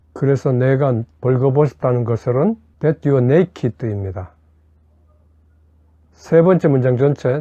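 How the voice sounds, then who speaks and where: A man teaches English in a slow, deliberate way, spelling out grammar and repeating phrases so listeners can shadow him. His voice is dark and mellow, and the recording sounds dry and a little dull. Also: medium pitch, dry recording. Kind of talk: explaining grammar and leading repetition drills.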